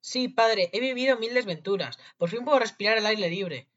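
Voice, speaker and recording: A man doing a tiny cheeky shouting boy. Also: lively intonation, brisk, heavy reverb, in a large hall, recorded from a distance. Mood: lively. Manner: high, shouting. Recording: dull lo-fi recording.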